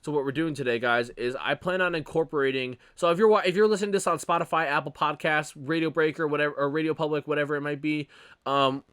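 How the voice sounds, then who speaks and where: A young man hosting his own podcast, talking casually and rambling with frequent self-corrections and animated opinions. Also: fairly high pitch, fast, smooth, dry recording, studio quality. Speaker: podcast host. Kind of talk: casual solo podcast commentary.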